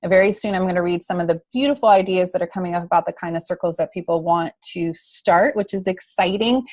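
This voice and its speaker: A woman's voice: fairly low pitch, fast talker, no echo. Encouraging woman hosting a live video. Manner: warm, encouraging, affirming. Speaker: co-host. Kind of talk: livestream panel talk.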